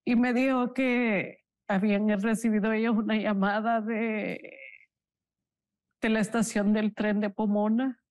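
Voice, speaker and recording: A woman giving an emotional, halting personal testimony in an interview, earnest and religious. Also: medium pitch, flat delivery, darkish tone, no echo. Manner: emotional, slow, halting storytelling. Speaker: interview guest, bereaved mother.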